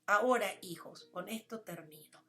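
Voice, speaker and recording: A woman giving a sermon, calling her listeners her children, her voice swelling loud and then dropping almost to a whisper. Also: medium pitch, moderate pace. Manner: earnest preaching, swells loud then drops to a near whisper. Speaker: preacher. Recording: soft music bed under the voice.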